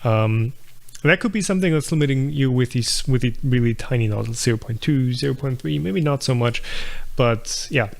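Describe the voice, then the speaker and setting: Gravelly-voiced man answering questions casually. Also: medium pitch, normal speed. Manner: relaxed, thinks aloud with many fillers and restarts. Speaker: channel host answering viewer questions. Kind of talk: casual live Q&A about 3D printing.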